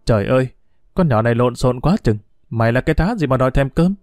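A man voicing a stern mother who scolds in quick, sharp bursts. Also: mid-range voice, animated, dry recording, studio quality, soft background music, natural voice. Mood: scolding.

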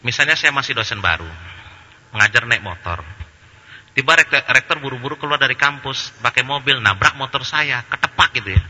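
A man, an Islamic preacher answering questions, gives a lively religious lecture in a very bright, husky, mid-range voice, speaking a little fast. He stays humorous and colloquial, acting out small anecdotes, while a long hall reverb fills the sound.

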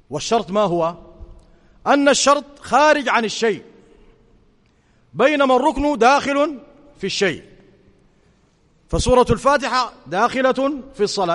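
A man with a high voice teaches a religious lesson in a reverberant hall. He explains each point step by step and keeps asking his students whether they have understood. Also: a bit bright. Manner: questioning students, checking understanding. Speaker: sheikh teaching a class.

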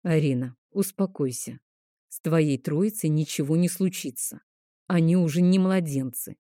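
A calm male dragon in human guise, as a woman reader lowers her voice for him, sounding soothing and a little dismissive. His tone is deep and mellow, and the recording is dry and close. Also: measured pace, dry recording. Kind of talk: audiobook character reading.

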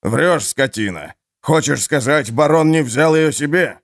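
A man's voice: on the high side, animated, unhurried, pitched above the performer's own voice. A man voicing an enraged male merchant who hisses and barks threats at a prisoner, in an audiobook. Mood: furious. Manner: snarling, hissing commands.

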